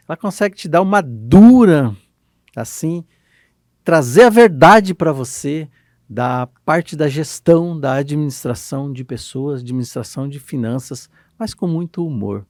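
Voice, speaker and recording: A man's voice: fairly high pitch, lively intonation, a little slow, dry recording, clean studio sound. A man hosting a podcast interview, giving an upbeat introduction and then short, friendly questions and replies. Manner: warm introductions, brief affirmations. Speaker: podcast host, journalist.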